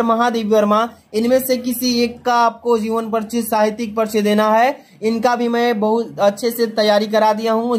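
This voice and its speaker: Hindi tutor asking and answering himself. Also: male voice, very high-pitched. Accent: Hindi of Uttar Pradesh. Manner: rhetorical self-answering questions; slow sing-song recitation of verse. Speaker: Hindi teacher. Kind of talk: explaining an exam paper to students.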